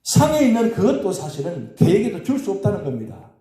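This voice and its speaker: A man's voice: high-pitched, huge pitch swings, brisk, dark tone. A man, a pastor, preaching an early morning sermon with emphatic rises and falls and many rhetorical questions. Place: church sanctuary. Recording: very echoey church hall.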